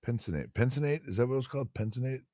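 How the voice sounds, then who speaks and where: A man's voice: mid-range voice, lively intonation, rapid-fire, mellow, no room sound, studio quality. A man hosting a solo stream, reading a bird textbook aloud with casual, rambling commentary, laughing often and stumbling over words.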